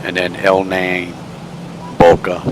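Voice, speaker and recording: A man's voice: sits low, completely flat delivery, slow pace. A man giving casual cockpit commentary as he plays the pilot in a flight simulator. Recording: clear cockpit engine noise behind voice.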